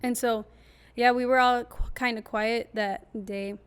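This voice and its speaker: A young woman hosting a podcast in casual chat, telling a story in a lively way and acting out quoted lines. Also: fairly high pitch, unhurried, clean tone.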